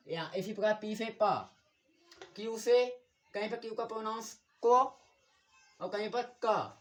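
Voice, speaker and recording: A man from India teaching a basic online English lesson. He explains in an even classroom way, keeps pointing to the board, spells out words letter by letter and repeats each sound several times. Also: high-pitched.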